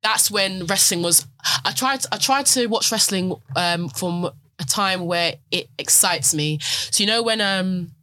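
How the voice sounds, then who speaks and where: Bright-voiced young woman. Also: fairly low pitch, measured pace. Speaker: wrestling performer. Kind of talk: casual chat.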